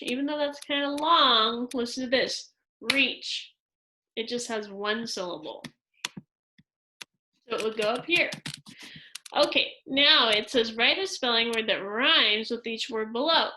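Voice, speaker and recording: A woman teacher walking second graders through a worksheet in a slow, patient lesson, explaining each step aloud. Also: a little high, bright, forceful tone, rough recording. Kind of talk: instructional screen-recorded lesson.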